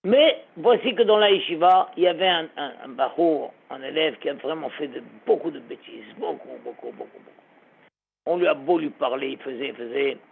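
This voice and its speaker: A man's voice: fairly high pitch, animated, fairly quick, vocal fry, few pauses, breathy edge. A man, a rabbi, teaching a lesson through a dramatic story, repeating words for effect, heard over a tinny phone-like recording.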